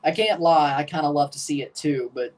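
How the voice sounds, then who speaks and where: Sitting some distance from the microphone, this man talks a little high and fairly quickly. He's hosting a live match watchalong stream, chatting in a relaxed way and calling goals with excitement while guarding his strained voice.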